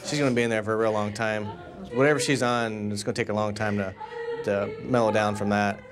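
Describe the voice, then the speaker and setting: A man's voice: on the low side, steady tone, a little fast, very noisy. A man working as a jail officer, talking off the cuff in a matter-of-fact, dryly joking way. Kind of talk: unscripted interview and booking talk. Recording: music under reality TV audio.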